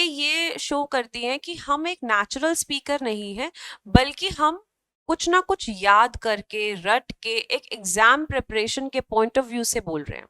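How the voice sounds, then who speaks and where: A woman's voice: high voice, bright, forceful tone, no room sound. A woman from Delhi teaching English for an exam, explaining patiently and often checking that listeners follow. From Delhi, India. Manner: patient, keeps checking in with "theek hai?". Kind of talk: bilingual classroom explanation.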